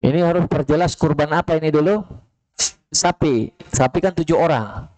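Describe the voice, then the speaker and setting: A man's voice: normal speed, darkish tone, low-quality recording. A man preaching at a mosque study session. He argues emphatically, asks rhetorical questions, quotes short Arabic sayings and acts out brief dialogues. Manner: emphatic, rising pitch when making points, rhetorical questions. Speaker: Islamic preacher.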